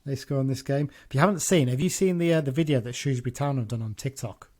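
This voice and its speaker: A man's voice: medium pitch, fast, a little mellow. A man hosting a casual football podcast, chatting loosely with frequent restarts and self-corrections. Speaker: podcast host.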